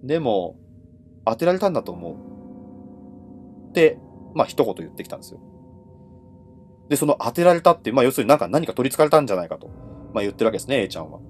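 Animated and mid-range in voice, a man hosting a livestream spins ghost stories conversationally, pausing dramatically and letting phrase endings trail away. He's a horror storyteller, and there's slight background noise.

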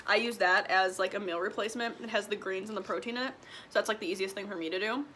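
Viewer questions get answered between bites as a twenty-year-old Illinois vlogger hosts a casual mukbang Q&A from a small room at home. Her medium-pitched voice is quick, pushed, and bright, with a little hiss or hum behind it. She's chatty, using "like" and "um" often.

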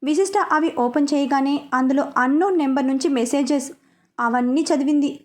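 Woman storyteller, high voice, expressive serial-romance reading. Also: a little fast.

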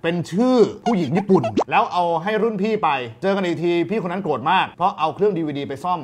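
A man co-hosting a casual comedy talk show, telling prank stories in an animated way with laughter. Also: sits high, quick pace, noisy background. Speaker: co-host.

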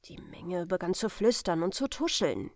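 A woman reading a classic adventure story aloud as a bedtime audiobook, calm and expressive. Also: fairly low pitch, moderate pace, dry recording, studio quality. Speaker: audiobook reader.

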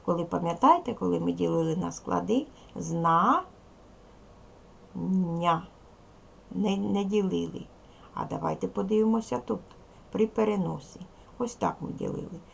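A woman teaching a recorded primary school lesson with a Ukrainian accent, explaining slowly and carefully to young pupils. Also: on the low side, vocal fry, a little hiss or hum. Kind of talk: recorded video lesson for children.

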